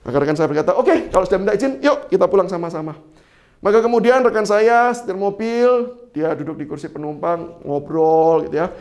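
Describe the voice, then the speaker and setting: An animated man preaching to an online church service, telling his story with lively voices for each character. His voice sits a bit high for a man. His delivery is that of a sermon. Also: a little fast. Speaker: evangelist preaching.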